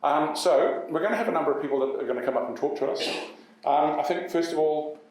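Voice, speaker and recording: A New man hosting an event as MC, talking in a halting way full of uhs and restarts. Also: a little high, darkish tone. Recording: echoey hall from far off.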